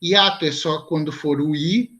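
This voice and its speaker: A man's voice: on the high side, measured pace, pushed and bright, highs cut off. A Brazilian man teaching a Portuguese exam review class online, who explains patiently and keeps checking in with his students.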